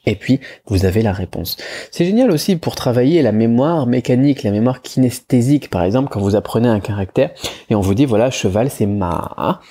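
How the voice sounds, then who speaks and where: A man's voice: mid-range voice, animated, a little fast, dark tone, husky. A man teaching pronunciation in a chatty video lesson, with lots of fillers and restarts, demonstrating tones by moving his head. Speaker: Chinese language teacher.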